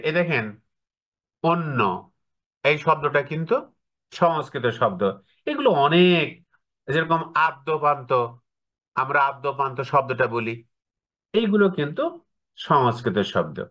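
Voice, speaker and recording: A man's voice: fairly high pitch, lively intonation, measured pace, long pauses, fairly bright tone. A man teaching an online class, often checking with rhetorical questions. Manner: explains with rhetorical questions to students.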